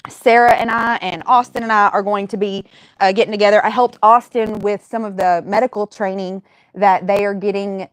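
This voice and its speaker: A woman in her thirties hosting a casual livestream Q&A, chatty and quick to laugh, with many fillers and restarts. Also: mid-range voice, no room sound. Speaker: livestream host and firearms medical instructor.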